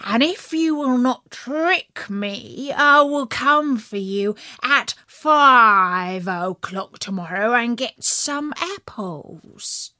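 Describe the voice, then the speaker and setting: A woman voicing a sly, menacing male wolf in a storybook reading, drawing out each word in a loud, slow voice. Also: animated, no room sound, clean studio sound, exaggerated voice. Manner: slow, drawn-out, louder booming delivery.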